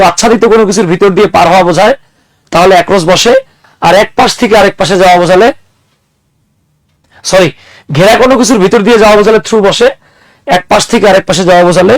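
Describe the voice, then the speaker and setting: A man's voice: sits high, no room sound, low-quality recording. A man teaching an English grammar class, explaining with everyday examples and putting questions to his students. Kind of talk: classroom lecture.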